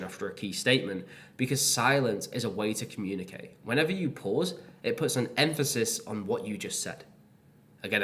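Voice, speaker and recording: A man's voice: fairly low pitch, a bit bright. A man teaching cold-calling in a casual, plain-spoken way. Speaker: sales coach. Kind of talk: instructional talk to camera.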